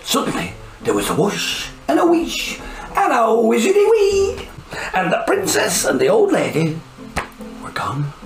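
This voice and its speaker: A woman reading a children's storybook aloud in an animated, sing-song way. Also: a little high, a little slow, reverberant, faint music behind.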